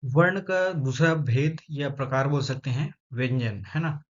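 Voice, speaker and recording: A male teacher giving a grammar lesson, explaining step by step and slowly sounding out letters, often checking in with his listeners. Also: medium pitch. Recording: dull lo-fi sound.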